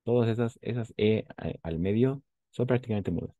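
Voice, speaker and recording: Male language teacher, low mellow voice, unhurried, patient, dry close sound. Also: no room sound. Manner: patient, explains slowly, models pronunciation. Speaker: French teacher. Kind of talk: online language class.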